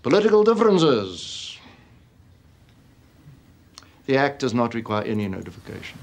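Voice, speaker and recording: A man's voice: medium pitch, big pitch swings, moderate pace, vocal fry. An actor playing a smug, menacing male police interrogator who speaks in a coolly bureaucratic, mocking way. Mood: menacing mockery.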